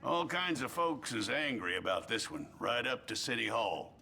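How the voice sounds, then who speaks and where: A man's voice: mid-range voice, sing-song, normal speed, creaky, pushed and bright, a little hiss or hum, full character voice. An actor playing a folksy, wry lawman who hands out bounties, speaking in a dry drawl.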